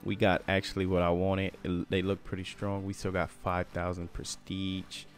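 Slangy low-voiced gaming commentator man. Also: completely flat delivery, normal speed, faint music behind. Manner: laid-back slangy talk that turns loud and hyped. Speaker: gameplay commentator.

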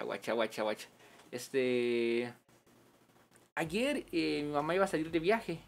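A man with a Mexican accent chatting casually on a game livestream, full of slang and quick laughs. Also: on the high side, creaky. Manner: slangy, laughs often while storytelling. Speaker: game streamer.

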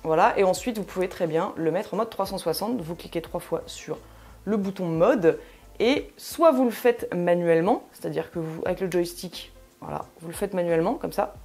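A woman's voice: lowish voice, normal speed, darkish tone, breathy edge. A young woman hosting a casual tech demo, chatty and full of fillers as she shows how a device works. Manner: chatty, many fillers, demonstrates while talking. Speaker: tech video host.

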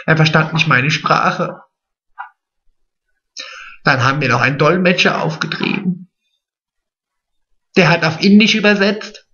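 A man's voice: sits high, fairly bright tone, highs cut off, pitched above the performer's own voice. A man playing a vain, chatty, naive middle-aged woman in a drag comedy monologue, stretching his words.

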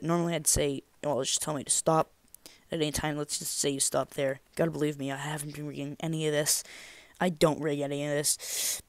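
A man's voice: a little high, gravelly, dry recording. A man giving casual, self-deprecating card magician patter as he hosts a magic trick demonstration. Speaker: host performing card tricks. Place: carpeted room at home.

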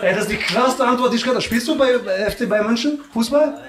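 A man's voice: very high-pitched, fast. A man doing live stand-up crowd work on a comedy club stage, teasing the audience in slangy street talk. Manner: slangy and teasing, drops "Alter" and "Digga" constantly. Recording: echoey club room with loud hiss and clicks.

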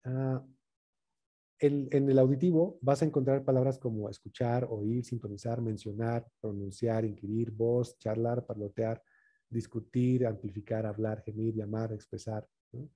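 During a laid-back workshop on communication, a man speaks in a very dark, mellow voice of mid-range pitch with a husky edge. He keeps checking in with listeners using quick tag questions.

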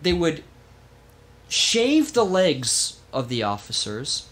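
A man hosting a casual history podcast, telling the story with animated emphasis and the odd swear word. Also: on the high side, slow pace, a little hiss or hum. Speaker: podcast host.

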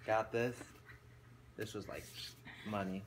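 A woman's voice: rumbling low, fairly even intonation, slow pace, a little hiss or hum. A young woman vlogging in casual chat, joking and showing off her purchases.

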